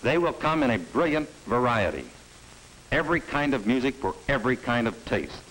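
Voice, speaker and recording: An emphatic middle-aged man presents a film on a studio set, giving a measured, scripted sales pitch as promotional narration. His voice is animated and fairly bright. The rough recording is an old film soundtrack with faint music and slight background noise.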